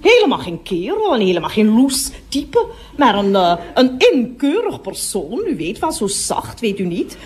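Gossipy middle-aged toilet attendant, radio comedy monologue, highish voice, lively swooping pitch, chatters to customers. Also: female voice, moderate pace.

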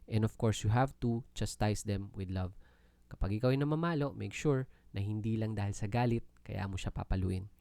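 A man's voice: lowish voice, moderate pace, vocal fry, dark tone, dry recording. A Filipino man with a Filipino accent giving an earnest, polite Bible teaching talk in mixed Tagalog and English. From Philippines. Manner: earnest, polite, often uses "po" and "no?".

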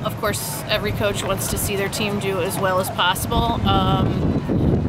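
A woman's voice: medium pitch, very noisy. A middle-aged woman, a head tennis coach, answering postgame interview questions in a plainspoken way with many ums and restarts, standing outside on tennis courts. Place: outdoor tennis courts at sunset.

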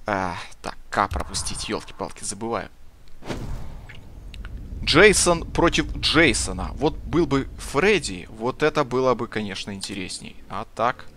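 A man's voice: mid-range voice, animated, a little slow, sharp tone, slight background noise. A man giving casual gameplay commentary with short offhand exclamations and muttered asides. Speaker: gamer commentating a playthrough. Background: game music and fight sounds.

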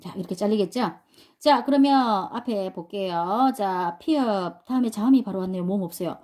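A woman's voice: mid-range voice, moderate pace, a little mellow. A woman teaching English pronunciation to adult learners, explaining step by step and often asking the class questions. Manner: patient, repeats and asks the class questions.

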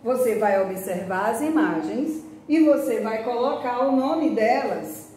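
A woman's voice: fairly high pitch, dark tone, slight background noise. A woman teacher with a Brazilian Portuguese accent, giving a recorded lesson to young pupils and drawing out words to show their sounds. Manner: slow, drawn-out words, exaggerated sounds to demonstrate. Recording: echoey room, voice from a distance.

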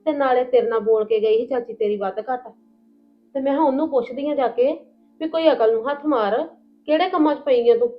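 A woman's voice: high voice, fairly quick, lightly acted. A woman playing a blunt, motherly elderly aunt in a Punjabi village family drama, speaking with a Punjabi accent. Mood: scolding. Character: elderly paternal aunt, scolding and protective. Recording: tinny phone-like lo-fi with music.

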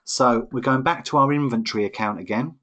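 A man's voice: mid-range voice, a little fast, fairly bright tone. A man tutoring accounting in a live online lesson, explaining each step patiently over a computer microphone. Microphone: computer microphone on a webinar.

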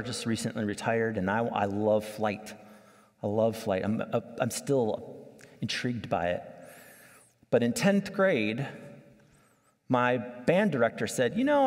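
A man in his thirties preaching a sermon from a church sanctuary, conversational and animated, acting out little scenes as he walks the stage. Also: medium pitch. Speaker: pastor. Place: church sanctuary, large room. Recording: long church hall reverb.

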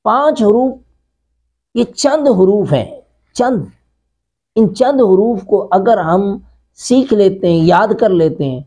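A middle-aged man with a Pakistani Urdu accent teaching Quran reading in an online lesson, stretching out letters and syllables slowly, then explaining quickly. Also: high-pitched. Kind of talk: online lesson, spelling out Arabic letters and sounds.

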